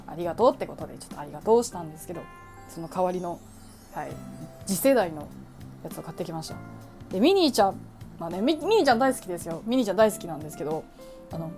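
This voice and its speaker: A woman's voice: fairly low pitch, lively intonation, racing, long pauses, over music. A young woman chatting casually about her shopping, adding playful sound effects. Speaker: vlogger. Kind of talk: casual shopping haul vlog.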